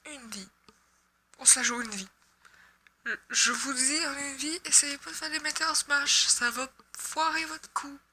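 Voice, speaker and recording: A woman's voice: high voice, fairly even intonation, a little slow, noisy background. A young woman with a Québécois accent from Quebec, chatting and joking casually over her gameplay, swearing when she misses. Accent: Québécois French. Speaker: gaming YouTuber.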